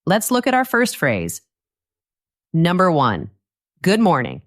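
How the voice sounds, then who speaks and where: A woman giving a scripted English lesson for learners in a slow, gentle and encouraging way. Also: fairly low pitch, huge pitch swings. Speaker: English teacher.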